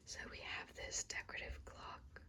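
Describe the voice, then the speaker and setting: A woman speaking in a soft, breathy, unvoiced library whisper, showing things unhurriedly in an ASMR style. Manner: soft, hushed, unhurried show-and-tell. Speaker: ASMR creator giving a bookshelf tour.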